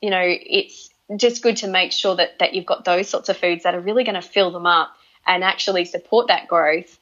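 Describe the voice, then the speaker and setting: A woman's voice: lowish voice, normal speed, a bit bright. A woman with an Australian accent talking casually as an interview guest, often repeating words and restarting phrases as she thinks aloud. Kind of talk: relaxed conversational interview. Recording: slightly dull, lo-fi audio.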